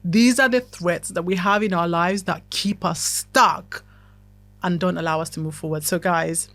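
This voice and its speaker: A woman's voice: lowish voice, normal speed, a bit bright, no echo. A woman hosting a podcast, giving a motivational self-help talk in a chatty, talkative way that keeps checking in with the listener. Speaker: podcast host.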